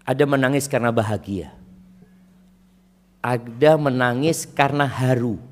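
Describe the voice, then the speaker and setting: A man with an Indonesian accent preaching a sermon, telling stories and acting out quoted voices, dropping to whispers and rising to emphatic peaks, reciting Arabic slowly. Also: medium pitch. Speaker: Islamic preacher.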